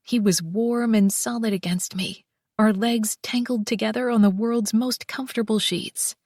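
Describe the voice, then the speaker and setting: A woman narrating a first-person romance audiobook, soft and slow, with breathy whispered passages. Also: on the high side, steady tone, no room sound, studio quality.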